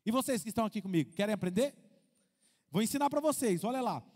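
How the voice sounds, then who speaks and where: A man with a Brazilian Portuguese accent, preaching an animated sermon as pastor, asking the congregation questions and acting out quotes. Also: sits high, quick pace. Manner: lively, asks the congregation questions, acts out quotes. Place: large church hall. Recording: long hall reverb.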